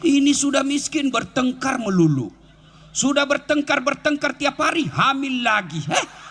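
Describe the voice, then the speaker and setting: A man's voice: very high voice, animated, moderate pace, a bit bright, a little hiss or hum. A man preaching a humorous sermon to a crowd outdoors, joking and breaking into song. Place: outdoor field gathering.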